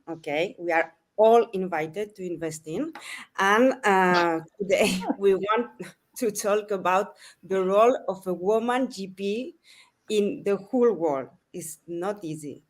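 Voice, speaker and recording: A woman from Spain speaking careful, halting English with a Spanish accent as a guest. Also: mid-range voice.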